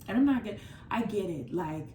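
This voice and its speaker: A warm, medium-pitched female voice with lively intonation talks over slight background noise. She's a woman in her twenties commenting on a film casually and emphatically, saying "like" constantly and swinging between quick and drawn-out delivery.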